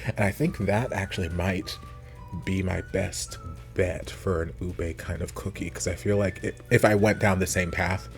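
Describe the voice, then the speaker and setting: A man with a low voice and an American accent talks casually to his viewers like a food vlogger. He rambles informally, thinking out loud as he goes, with light music underneath. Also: fairly even intonation, moderate pace, vocal fry. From United States. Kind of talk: casual rambling chat to camera.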